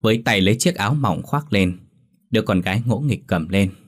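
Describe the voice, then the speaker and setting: A man narrating a scripted horror story with expressive, measured delivery. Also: fairly low pitch.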